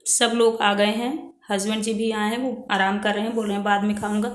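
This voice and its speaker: A woman's voice: mid-range voice, little pitch movement, fairly quick. Chatty Indian woman in an echoey kitchen. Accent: Indian Hindi. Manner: chatty, explains while doing housework. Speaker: vlogger. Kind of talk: casual vlog chat with viewers. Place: home kitchen.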